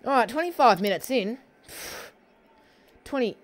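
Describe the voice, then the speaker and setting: A young gamer talks through a football match as he plays, reacting out loud to every near miss and goal. The pitch sits in an ordinary middle range, and the delivery jumps between muttered asides and sudden exclamations, picked up close on a headset. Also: slow pace. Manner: excitable, talks to himself while playing, frequent exclamations. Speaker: gaming channel host. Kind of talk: live gameplay commentary. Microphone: headset headphones.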